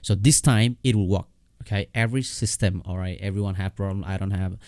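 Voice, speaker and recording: A deep, mellow-voiced man hosts an unscripted, casual software screen tutorial, speaking haltingly and repetitively with frequent check-in words. The recording is dry and studio quality.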